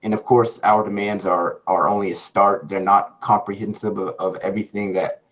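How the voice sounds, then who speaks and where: A man speaking at a council meeting as a community group's chair, measured and earnest with some fillers. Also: lowish voice, steady tone, a bit bright. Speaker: coalition chair, public commenter. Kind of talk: public comment at council meeting. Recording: dull lo-fi remote audio.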